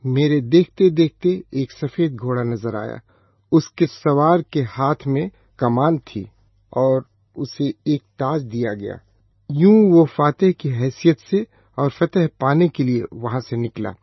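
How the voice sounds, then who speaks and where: A man with a husky voice reading scripture aloud in a measured, solemn manner. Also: mid-range voice, animated, no echo. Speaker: scripture reader. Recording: dull, slightly lo-fi dry recording.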